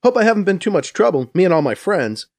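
A man's voice: sits high, sing-song, fast, a little mellow. A man voicing a joking, easygoing male space executive with a dry sense of humor. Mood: wry.

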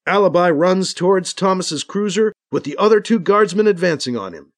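Brief: male audiobook narrator, slightly high voice, lively melodic delivery, steady storytelling. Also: normal speed, no room sound, clean studio sound.

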